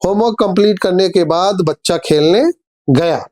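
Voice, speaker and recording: In a classroom-style English grammar lesson, a man with a high, slightly mellow voice explains things patiently. He poses questions and answers them himself, calls his viewers dear children, and reads English example sentences slowly and deliberately.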